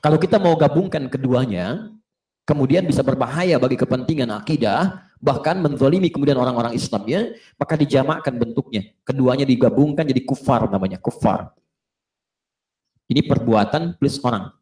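A male Islamic preacher giving a lively religious lecture to a live audience, asking them questions and acting out short dialogues. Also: mid-range voice, a little fast. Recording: roomy echo of a hall.

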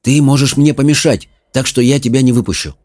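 An audiobook narrator voicing a calm, firm young boy. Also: mid-range voice, a little fast, no echo, pitched above the performer's own voice, lightly acted. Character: brave, practical young boy.

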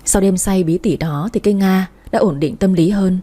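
Warm, husky young woman narrating. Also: mid-range voice, normal speed. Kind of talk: scripted first-person story narration.

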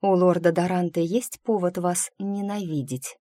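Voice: mid-range voice, steady tone, brisk, warm tone, dry recording, clean studio sound, close to an everyday voice. A reader voicing a young, curious and anxious female apprentice in an audiobook, who asks eager, pressing questions. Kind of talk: audiobook character reading.

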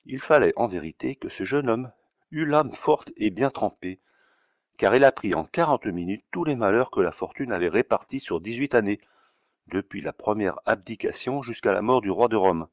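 A man narrating a classic novel as an audiobook, measured and steady. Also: on the low side, dry recording, studio quality.

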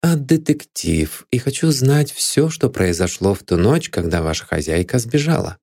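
A man's voice: mid-range voice, no echo, studio quality, voice pushed up. A man voicing a patient but firm male detective who questions a witness, in an audiobook. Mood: measured. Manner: calm and measured.

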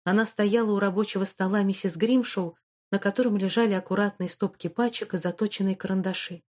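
A woman narrating a novel as an audiobook in an even, expressive storytelling voice. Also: mid-range voice, a little fast.

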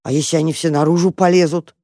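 A gloomy little mouse grumbles low and quiet, as a woman reads him in a storybook. The voice sits low and dark for her, in a close, dry sound. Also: fairly even intonation, fast talker, no echo, lightly acted. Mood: grumbling. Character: gloomy cautious young mouse brother.

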